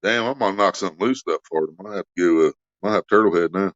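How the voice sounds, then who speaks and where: A man with a deep voice hosts a casual livestream at a quick pace, cracking crude jokes and reading donations aloud. The audio sounds dull.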